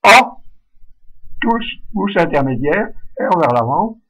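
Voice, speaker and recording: A man giving a recorded spelling lesson, slowly modelling vowel sounds aloud. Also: fairly high pitch, animated, slightly rough, muffled recording. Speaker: French spelling teacher.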